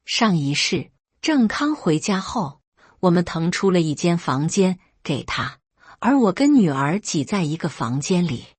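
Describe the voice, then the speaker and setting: Woman narrator for a first-person story read-aloud, husky lowish voice, lively delivery, dry close recording. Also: measured pace, no room sound. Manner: lively storytelling, briefly voicing characters.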